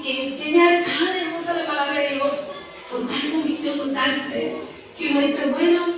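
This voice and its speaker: A woman preaches in a church hall, her high voice carrying through heavy echo. She stands some distance from the microphone and tells her story in a conversational way, stopping often for rhetorical questions. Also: a bit bright. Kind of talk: sermon. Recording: echoey room from far off the mic.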